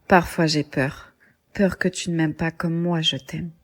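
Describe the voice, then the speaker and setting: A woman voicing an obsessive young woman who calmly vows to keep a man for herself. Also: low voice, measured pace, voice pushed down.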